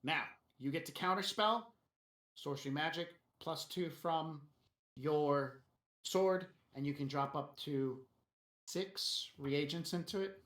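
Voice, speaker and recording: Man, game master, fairly high voice, casual improvised narration, roomy echo. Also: slow pace, a bit bright. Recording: roomy, echoey sound.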